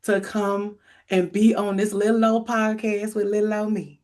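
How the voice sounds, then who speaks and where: A woman in her thirties hosting a podcast from home, chatting in an excited, rambling way. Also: medium pitch, normal speed. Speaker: podcast host. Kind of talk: casual interview chat.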